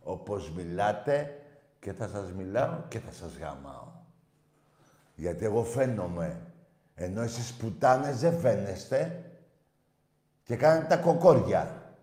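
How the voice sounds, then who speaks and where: A man's voice: on the low side, expressive, long pauses, dark tone, roomy sound. A man hosting a casual phone-in show, talking in a brash, profane way. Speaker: call-in show host.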